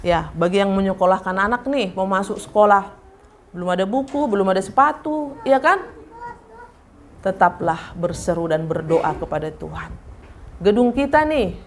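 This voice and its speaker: A woman pastor preaching a sermon in a church service, animated and often putting questions straight to the congregation. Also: medium pitch, normal speed.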